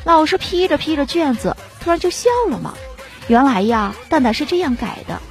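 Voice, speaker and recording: A woman's voice: high-pitched, big pitch swings, fairly quick, faint music behind. A woman playfully narrating a string of short jokes. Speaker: joke teller. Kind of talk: storytelling jokes.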